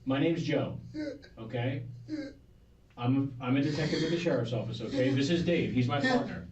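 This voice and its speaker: A man working as a sheriff's detective, calmly questioning a suspect in a police interview room, recorded on old interrogation tape. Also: mid-range voice, moderate pace, a little hiss or hum. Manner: calm, soothing, repeats "okay?" constantly. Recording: distant, dull, echoey interrogation tape.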